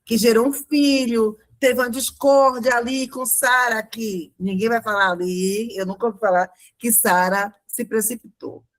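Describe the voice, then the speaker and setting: Preaching in a church, a Brazilian woman pastor speaks with a fairly high, slightly bright voice and a Brazilian Portuguese accent. She keeps the sermon conversational, leaning on fillers and rhetorical questions.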